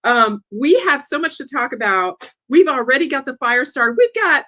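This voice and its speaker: A woman hosting a lively coaching livestream, chatty and excitable, talking straight to her audience. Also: high voice, normal speed.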